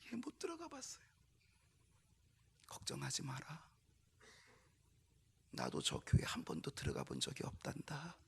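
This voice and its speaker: A man voicing the Lord as a gentle, slow, soft-spoken comforter of a crying child. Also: high-pitched, big pitch swings, vocal fry, breathy edge, heavily acted. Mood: tender consoling.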